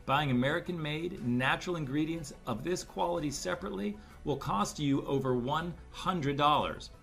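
A man reading a scripted ad voiceover, smooth and persuasive, over light music. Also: a little high, a bit bright. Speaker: ad narrator.

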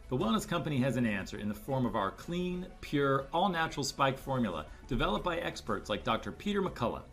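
Smooth male ad voiceover. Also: medium pitch, fairly bright tone. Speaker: ad narrator. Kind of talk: scripted ad voiceover.

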